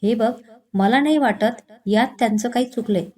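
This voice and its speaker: A woman doing a calm reassuring father. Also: fairly high pitch, normal speed, lightly acted. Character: gentle fair-minded middle-aged father.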